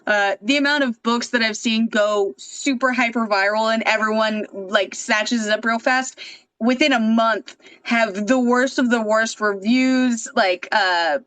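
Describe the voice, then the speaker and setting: A woman hosts a casual interview over a video call, rambling along with plenty of fillers. Her voice sits a little high. The sound is dry and close, with no room echo. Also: measured pace, fairly bright tone. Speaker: host.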